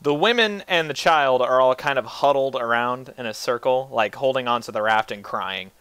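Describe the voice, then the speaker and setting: Male game master, wry and casual narrator, crisp bright voice, dry recording. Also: medium pitch, normal speed, no room sound.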